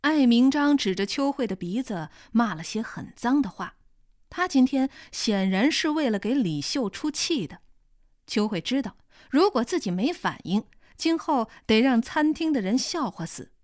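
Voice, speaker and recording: A woman narrating a novel in clear, steady storytelling. Her voice is high and lively in pitch. The recording is dry and close, with no room sound. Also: moderate pace, no echo. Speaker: audiobook narrator. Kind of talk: scripted narration.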